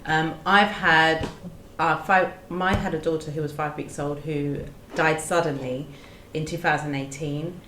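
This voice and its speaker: A woman hosting a podcast discussion, measured and earnest, partly reading from research notes with small restarts. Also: low voice, steady tone, sharp tone, a little hiss or hum. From London, England. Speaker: podcast host. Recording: roomy echo.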